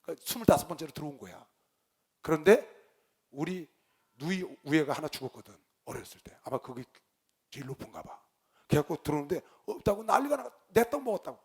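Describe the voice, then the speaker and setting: A male pastor preaching, telling a story with lively swings between loud outbursts and quiet low asides. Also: a little fast, pauses often, slightly rough. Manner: animated storyteller, shouts quoted lines, drops to low asides. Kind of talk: sermon with storytelling.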